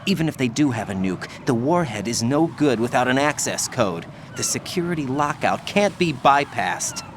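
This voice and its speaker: A man's voice: mid-range voice, big pitch swings, moderate pace, natural voice. An actor playing a young male special-forces soldier who asks tense, probing questions. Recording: noisy game audio.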